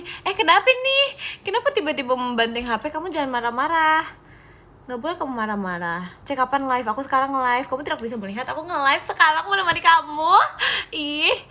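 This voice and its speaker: A woman's voice: sits high, sharp tone. A young woman chatting playfully and teasing her viewers as she reads live-stream comments aloud. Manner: playful, giggly, teasing, addresses viewers as "guys". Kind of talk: casual live-stream chat reading comments.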